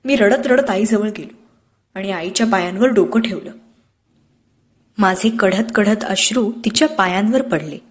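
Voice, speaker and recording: A woman narrating an audiobook with measured, expressive storytelling. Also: mid-range voice. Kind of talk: scripted narration of a classic novel.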